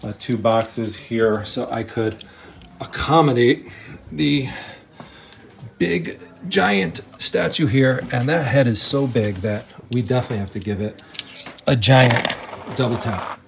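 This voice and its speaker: This treasure-hunting vlogger takes it slowly, his mid-range voice showing some vocal fry. He chats casually during a handheld, first-person walkthrough of an estate sale house, sprinkling in "I mean" and "you know," with slight background noise.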